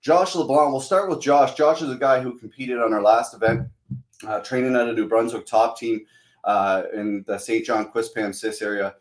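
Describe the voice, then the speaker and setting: A man's voice: mid-range voice, fairly even intonation, normal speed. A hungover man hosts a podcast in a casual, hesitant way full of uhs. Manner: informal, hesitant, frequent uhs. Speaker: podcast host. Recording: roomy, echoing sound.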